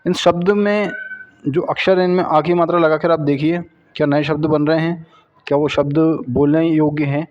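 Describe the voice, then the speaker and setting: A man teaching children Hindi vowel signs in a patient way, repeating each word and syllable slowly. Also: a little high, steady tone, darkish tone, highs cut off. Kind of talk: slow children's Hindi spelling lesson.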